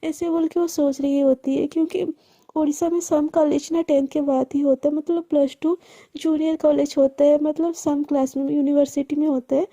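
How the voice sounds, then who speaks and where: A woman's voice: sits high, little pitch movement, normal speed, warm tone, no room sound. A woman telling a serialized love story in a chatty, casual way, with many fillers and English words mixed in.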